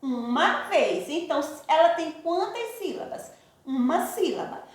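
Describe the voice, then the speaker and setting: A Brazilian woman teacher giving a recorded lesson to young pupils, affectionate and sing-song, addressing them slowly and warmly. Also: sits high, sing-song. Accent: Brazilian Portuguese. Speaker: primary school teacher. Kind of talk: recorded remote lesson for children. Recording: echoey room.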